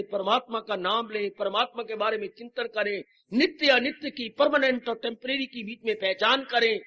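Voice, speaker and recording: High-voiced man preaching on dull tape. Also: fairly bright tone. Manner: emphatic, rhetorical questions, mixes in English phrases. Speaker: swami preacher. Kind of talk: devotional sermon. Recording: dull lo-fi 1990s tape recording.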